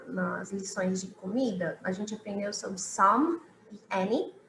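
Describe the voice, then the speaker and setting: A woman teaching a live online English lesson, explaining slowly, repeating example sentences and checking in with "ok?". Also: medium pitch, a bit bright, roomy sound, slight background noise, low-quality recording.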